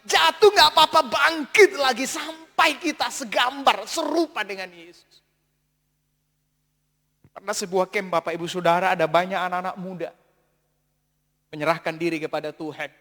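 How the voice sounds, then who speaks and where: High, bright-voiced preaching man. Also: moderate pace, long pauses. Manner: emphatic, repetitive, swings between soft and shouted. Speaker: pastor. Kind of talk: sermon. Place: church hall. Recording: long church hall reverb.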